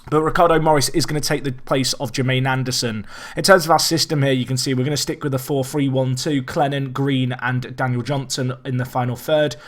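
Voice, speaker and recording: The slightly raspy, hoarse voice belongs to a young man hosting a let's play of his football management game. At a medium pitch and a little fast, he chats casually, rambles, restarts his sentences and gets excited at big chances.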